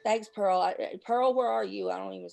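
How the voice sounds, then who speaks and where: A woman's voice: mid-range voice, fairly quick, gravelly, darkish tone. A woman hosting a livestream, talking in a heated, profane, rambling way, stuffy with a cold and a sore throat. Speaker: livestream host. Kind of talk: casual chat and angry rant.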